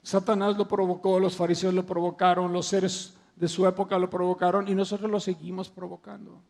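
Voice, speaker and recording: A man's voice: high voice, little pitch movement, a little fast, creaky, a little mellow. A man preaching a sermon with impassioned, emphatic swells and rhetorical questions to the congregation.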